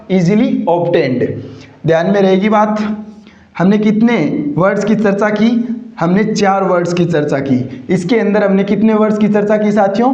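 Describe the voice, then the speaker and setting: With a high-sitting voice and a darkish tone, this teacher works through English vocabulary for exams. He repeats every word, poses questions he answers himself, and stretches words out slowly to model how they sound; the recording is roomy, dull, and lo-fi.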